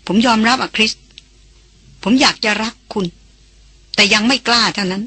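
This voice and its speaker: A woman's voice: on the high side, moderate pace, pushed and bright, breathy edge, dry recording. A woman reading an audiobook, voicing a bold young man who earnestly courts a foreign woman. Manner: earnest, pleading, raised voice.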